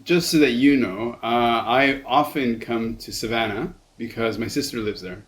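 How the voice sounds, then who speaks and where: A man hosting a podcast in casual chat, halting and repeating words as he thinks. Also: medium pitch. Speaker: podcast host.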